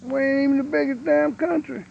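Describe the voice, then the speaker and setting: Gravelly sixty-year-old man ranting outdoors. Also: very high voice, fairly even intonation, brisk, dull audio, slight background noise. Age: 60s. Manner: blunt, profane, preachy. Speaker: vlogger. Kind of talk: outdoor rant to camera.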